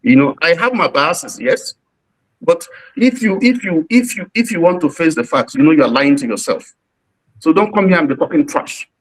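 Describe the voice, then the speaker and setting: A man's voice: fairly high pitch, expressive, moderate pace, rough recording. A Nigerian man from Lagos, calling into a livestream, heated and insistent, repeating his points. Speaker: caller on livestream.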